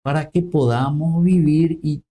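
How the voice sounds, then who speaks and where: A man's voice: a little high, fairly even intonation, unhurried, warm tone. A man in his sixties, a priest, telling stories in an interview and acting out the people he quotes. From Paraguay. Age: 60s. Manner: storytelling, acts out quoted people with jokes. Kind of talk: interview conversation.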